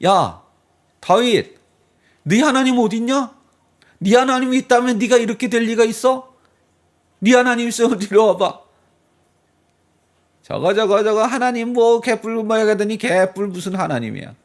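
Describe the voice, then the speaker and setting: Sneering male mocker, higher and louder, put on by a preacher. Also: lively intonation, normal speed, long pauses. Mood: mocking. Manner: taunting, sneering. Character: jeering, scornful male mockers taunting a king.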